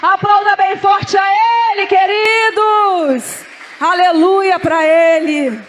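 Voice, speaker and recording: A woman's voice: extremely high pitch, fairly even intonation, slow pace, slight background noise. A woman worship leader declaring a repetitive, fervent prophetic prayer over the congregation. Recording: spoken over clear worship music.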